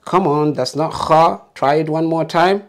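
A man's voice: fairly high pitch, measured pace. A man teaching a beginner alphabet lesson, patiently modeling letter sounds and encouraging learners to repeat.

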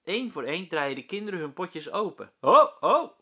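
A man, a primary school teacher, reading a children's book aloud with lively, expressive storytelling. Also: fairly high pitch, fairly quick.

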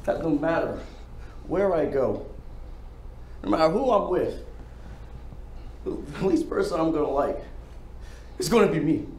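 A man's voice: a little high, expressive, measured pace, long pauses, a little mellow, roomy sound, a little hiss or hum, poor audio. A man playing a bitter divorced man who is afraid of himself, in an anguished dramatic monologue. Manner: anguished, pleading outbursts.

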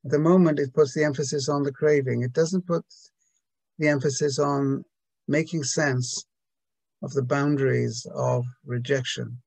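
A man's voice: medium pitch, fairly even intonation, moderate pace, gravelly, darkish tone, breathy edge, no echo, poor audio. A man giving a reflective Buddhist talk to a group, hesitant and full of restarts and rhetorical questions.

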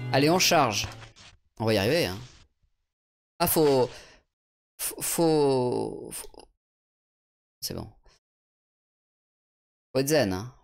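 Male let's-play streamer from France, loose casual commentary, mid pitch, light game music behind. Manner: chatty, swearing, reads chat aloud. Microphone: USB studio condenser mic.

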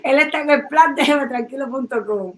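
A woman co-hosting a morning talk show, chatting casually and chiming in with quick agreement. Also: high-pitched, crowd noise. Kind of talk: casual chat.

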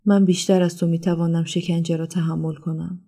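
A woman voicing a kind, devout enslaved man who speaks calmly and gently. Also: on the low side, breathy edge, voice pushed down. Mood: gentle.

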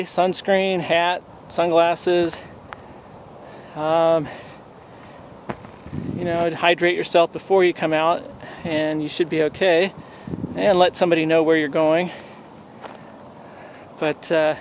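A man in his forties vlogging outdoors on a desert mountain, talking in a relaxed, rambling way with many ums, to a camera held at arm's length. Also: on the high side, takes it slowly, pauses often, a little hiss or hum. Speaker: hiking vlogger. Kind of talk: casual outdoor vlog.

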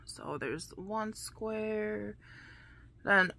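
Slow, bright-voiced woman chatting to camera. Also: medium pitch, creaky, a little hiss or hum. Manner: rambling, chatty, drops into whispers. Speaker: crochet vlogger. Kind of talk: casual chat to camera. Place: home room, dim.

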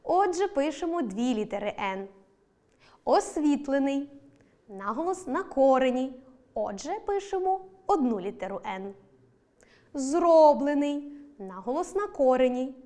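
A woman teacher with a Ukrainian accent giving a recorded online lesson, slowly stressing each example word. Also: sits high, sing-song, dark tone. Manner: slow, deliberate stress on example words.

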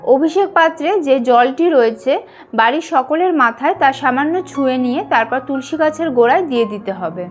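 A woman with a high, light voice talks viewers through a ritual step by step, calm and unhurried. She addresses them as friends and slows down for each mantra. Soft music plays faintly underneath. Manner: chants mantras slowly. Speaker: home puja demonstrator. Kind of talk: instructional voice-over.

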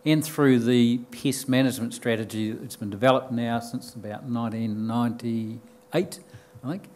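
In a lecture room lined with bookshelves and filled with listeners, an older man with a New Zealand accent gives a conference talk into a podium mic. His voice is middle-pitched with a darkish tone, and he lays out his points plainly, often saying um and restarting sentences.

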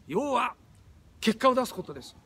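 A man's voice: very high voice, very animated, normal speed, fairly bright tone, husky. An older man, a YouTube host, giving an emphatic monologue, stressing and repeating his key phrases.

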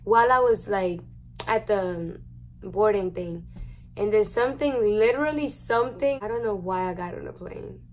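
In a casual storytime while she eats at home, a young adult woman vlogger rambles through a personal story, candid, full of fillers and swearing freely. She speaks at a moderate pace in a mid-range voice, with slight background noise and poor audio quality.

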